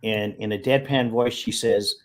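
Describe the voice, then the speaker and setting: A man's voice: lowish voice, steady tone, moderate pace. A man, chatting over a video call as a guest, telling stories in a rambling way that circles back and corrects itself. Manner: rambling, self-correcting storyteller. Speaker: guest geocacher. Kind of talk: casual video-call chat.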